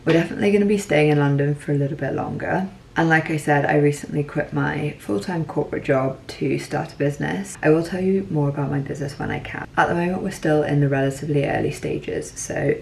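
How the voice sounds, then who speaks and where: A woman in her late twenties from Scotland, chatting casually and warmly to viewers in a day-in-the-life vlog, recorded at home. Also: low-pitched, gravelly. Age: late 20s. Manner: chatty, friendly, talks straight to viewers. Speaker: lifestyle vlogger.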